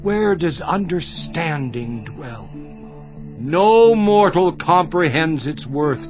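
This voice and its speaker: An actor playing Job, an aging afflicted man, declaiming scripture slowly and solemnly in a dramatized audio Bible, over a dull, lo-fi recording with faint music behind. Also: a little high.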